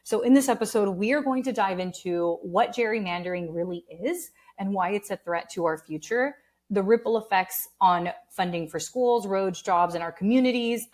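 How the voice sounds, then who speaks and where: A woman's voice: medium pitch, moderate pace, a little mellow. A woman hosting a podcast, reading an introduction in an upbeat, emphatic way. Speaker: podcast host and coach.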